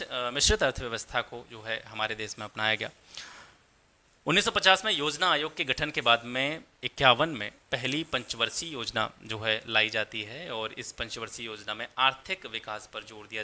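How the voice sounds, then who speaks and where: Male exam-prep lecturer, crisp ringing tone, methodical explainer who doubles up key terms. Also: mid-range voice, pushed and bright. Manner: explanatory, mixes English terms, repeats points in Hindi. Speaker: history teacher.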